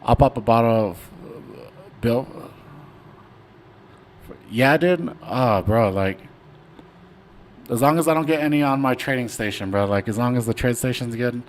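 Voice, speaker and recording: A man's voice: mid-range voice, lively intonation, a little slow, pauses often, a little hiss or hum. A young man hosting a casual trading livestream, talking loosely with lots of fillers and slang. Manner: laid-back, rambling, slangy with many fillers. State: hiccuping. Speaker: stock trading stream host. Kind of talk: casual livestream chart talk.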